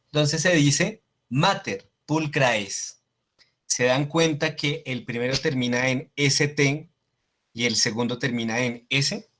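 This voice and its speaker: A man teaching a Latin class over slides, repeating each Latin phrase slowly and often checking with his students. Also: medium pitch, fairly bright tone. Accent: Latin American Spanish. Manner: slow, deliberate, frequent checking questions ("¿sí?").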